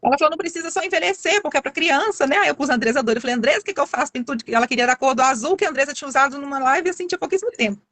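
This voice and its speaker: A middle-aged woman tells a long story in a high, bright voice and talks quickly. She is chatty and keeps restarting her phrases. The sound is dry and close, as on a video call. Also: no room sound. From Minas Gerais, Brazil. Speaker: course student giving a testimonial. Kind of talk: casual testimonial on a live video call.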